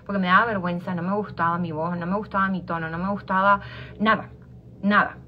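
This life coach, a woman with an Argentine accent, talks quickly in a lowish, fairly even voice during a casual motivational talk, often restarting phrases and repeating herself. The recording is dull lo-fi with slight background noise.

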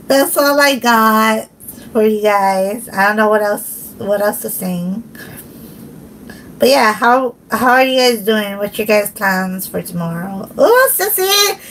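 A woman's voice: on the high side, fairly bright tone, slight background noise, rough recording. Giggly young woman chatting with viewers. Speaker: livestream host. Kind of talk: casual livestream chat with viewers.

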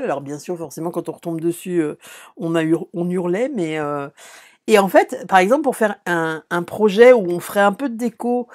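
A woman's voice: mid-range voice, darkish tone. A middle-aged woman from France hosting a live craft stream, chatting casually, answering viewers and showing her work, with many fillers and restarts.

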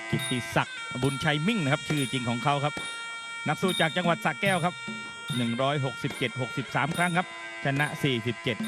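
A man giving live Muay Thai commentary as a boxing commentator. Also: fairly high pitch. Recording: loud music behind the voice. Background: loud music.

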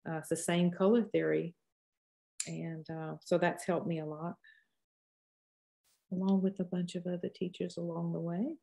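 A woman's voice: lowish voice, level tone, normal speed, vocal fry, long pauses, mellow. A woman in her sixties with a Cajun accent, teaching painting casually and thinking aloud as she works in a folksy, rambling way. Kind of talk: casual live painting tutorial.

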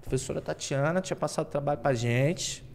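A young man telling a story on a podcast, with slangy, animated storytelling, acted quotes and bursts of nervous laughter. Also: fairly high pitch, brisk, gravelly. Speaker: podcast guest. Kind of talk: casual storytelling.

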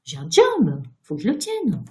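A woman's voice: mid-range voice, fast talker, warm tone, close to an everyday voice. A woman voicing a gloomy, weary old male ghost in a storybook read aloud for children, theatrical and pleading. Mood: indignant. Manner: theatrical, wailing and sighing.

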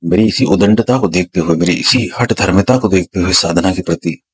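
Deep husky man telling a spiritual story. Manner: slow, dramatic storytelling with repeated words for suspense. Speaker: spiritual teacher. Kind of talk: storytelling a personal spiritual experience.

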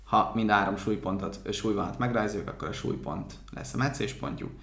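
A man's voice: fairly low pitch, vocal fry, fairly bright tone, reverberant. A man explaining math terms to exam students step by step, chatting with a co-host. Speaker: math tutor. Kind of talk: casual exam-prep explanation.

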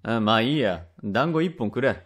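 A man voicing a rough, quick-tempered father from old Edo, speaking blunt old Edo Tokyo speech in a rakugo tale. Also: mid-range voice, lively intonation, fairly bright tone. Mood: irritated. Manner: gruff, blunt, grumbling. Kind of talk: rakugo storytelling.

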